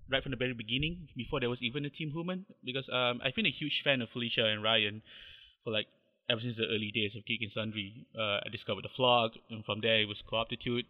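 Podcast guest: thirties Malaysian man, modest and halting, mid-pitched, lo-fi remote line. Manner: hesitant, many fillers and restarts, modest. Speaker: podcast guest, fan artist. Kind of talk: casual interview chat.

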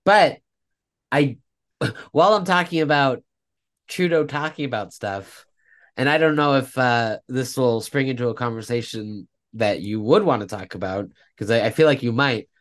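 A man's voice: mid-range voice, normal speed. Rambling male podcast co-host. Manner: rambling, self-correcting, laughs at own stories. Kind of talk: casual political chat.

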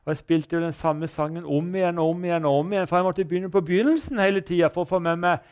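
A man's voice: high voice, darkish tone, smooth. Earnest man telling his testimony. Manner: earnest, halting, many restarts. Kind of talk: personal testimony interview.

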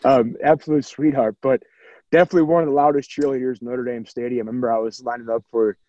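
A man's voice: mid-range voice, fairly even intonation, fast talker, dark tone, no room sound, lo-fi sound. A young man, a former walk-on player, recalling his games in a rambling way, with many restarts. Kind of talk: casual interview recollection.

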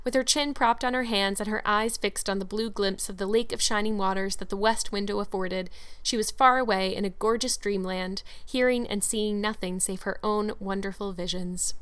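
Smooth-voiced woman reading a classic story. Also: medium pitch, steady tone, normal speed, fairly bright tone. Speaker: audiobook narrator. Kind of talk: scripted storybook narration.

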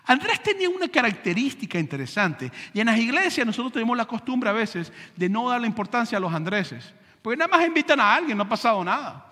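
A male pastor preaches with a high, bright voice that leaps up and down in pitch. He talks to the congregation conversationally, full of rhetorical questions. The long reverb of a church hall trails after his words. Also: big pitch swings, quick pace, few pauses. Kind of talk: sermon. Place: church sanctuary with pulpit.

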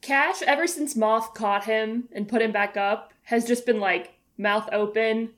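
A woman's voice: on the high side, unhurried, fairly bright tone. A woman playing a tabletop game, describing her character in an amused way. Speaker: player.

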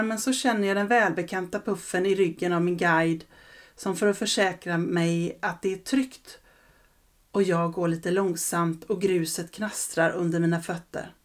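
A woman narrating a first-person childhood story in a calm, reflective way. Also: mid-range voice.

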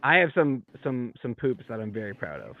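A man's voice: mid-range voice, very animated, fairly quick, phone-quality sound, a crowd in the background. A man in casual podcast banter, joking and rambling with restarts.

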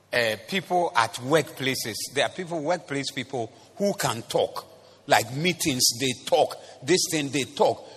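A man preaching a sermon in church, animated and teasing, talking straight to the congregation. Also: medium pitch, slightly rough. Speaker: pastor. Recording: long reverb of a church hall.

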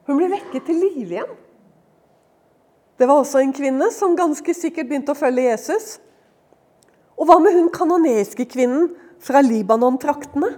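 A woman speaking at a women's retreat, telling Bible stories in a lively, conversational way, acting out quoted lines and dropping to a hush at tender moments. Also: high voice. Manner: lively storytelling, acts out quoted lines, swings from loud to hushed; conversational fillers, frequent laughter in voice. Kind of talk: devotional talk.

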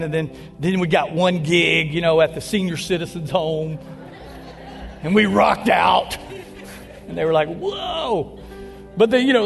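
A man preaching a sermon, an animated storyteller who jokes with his listeners. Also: high-pitched. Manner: animated storyteller, joking with the crowd. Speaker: pastor. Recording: long hall reverb with faint music.

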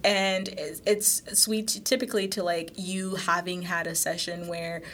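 A young woman co-hosting a podcast, explaining ideas in lively, casual chat and laughing often. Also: on the low side, measured pace, slight background noise. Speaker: podcast co-host.

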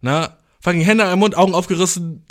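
A young man telling a funny story casually, animated, swearing a lot and mixing in English slang. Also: high-pitched, quick pace.

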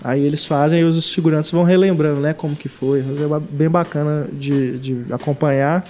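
Man, fairly high voice, enthusiastic, casual film chat. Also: steady tone, normal speed, a little mellow, slight background noise. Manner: enthusiastic, talks to viewers, many fillers. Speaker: co-host discussing films.

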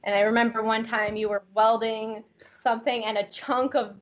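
Twenties woman chatty and a bit high, muffled lo-fi audio. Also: flat delivery, normal speed. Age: 20s. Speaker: co-driver guest. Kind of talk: casual storytelling. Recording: dull lo-fi recording.

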